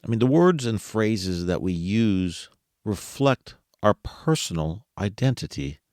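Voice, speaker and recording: A man's voice: fairly low pitch, very animated, unhurried, a little mellow, no room sound, clean studio sound. A man hosting a podcast, talking casually to listeners, asking them rhetorical questions and chuckling as he goes. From United States. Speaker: podcast host.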